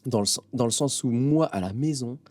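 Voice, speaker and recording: A French man in his thirties speaks as a guest in a casual interview, his voice warm and relaxed. He tells animated stories full of small fillers and restarts. The sound is dry and close, with no room echo. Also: medium pitch, normal speed. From France. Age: 30s. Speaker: guest, comedian and doctor. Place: venue backstage, indoors.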